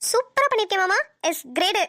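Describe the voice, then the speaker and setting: Woman voicing a squeaky-high cheeky cartoon college girl, sharp bright tone, teasing; dry close mic. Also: brisk, dry recording. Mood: playful. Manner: teasing, playful banter. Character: cheeky young female college student. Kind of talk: cartoon voice acting.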